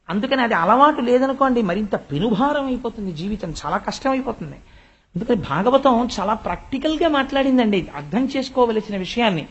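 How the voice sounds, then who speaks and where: A man's voice: extremely high pitch, a little fast, husky. An older man giving a spiritual discourse, telling stories and acting out the voices of the people in them. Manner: animated storytelling, acts out quoted voices. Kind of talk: Telugu religious discourse. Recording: dull lo-fi recording.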